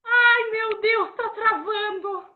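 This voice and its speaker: A woman from with an excitable, exclamatory way of talking, joining a live stream as a guest writer over a glitchy, freezing video call. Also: very high-pitched, slow pace, narrow, tinny audio. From Santa Catarina, Brazil. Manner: excitable, exclamatory, laughing often. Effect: glitchy, freezing video-call audio. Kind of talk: casual live-stream chat.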